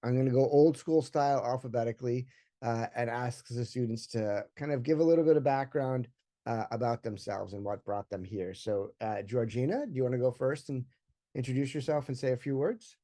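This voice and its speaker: A man moderating a panel discussion, talking in a relaxed, conversational way with many fillers. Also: mid-range voice, a little fast.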